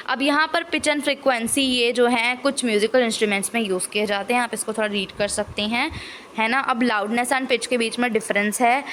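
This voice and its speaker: Slow-speaking woman teacher. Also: fairly high pitch, fairly bright tone, slight background noise. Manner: switches between Hindi and English, slow dictation of answers. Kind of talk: classroom lesson explanation.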